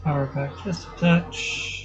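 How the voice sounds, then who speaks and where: A man's voice: fairly high pitch, steady tone, unhurried, muffled recording, a little hiss or hum. Give me a man streaming a flight simulator, reading back tower calls and checklist items like a pilot through his headset mic. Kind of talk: casual game commentary with pilot radio calls.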